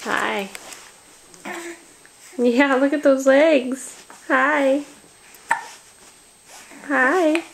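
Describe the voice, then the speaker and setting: Mom cooing at her baby, high voice, super slow, bit of fry. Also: a little hiss or hum. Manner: slow, soft, cooing and encouraging. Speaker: parent. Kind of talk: baby talk to an infant.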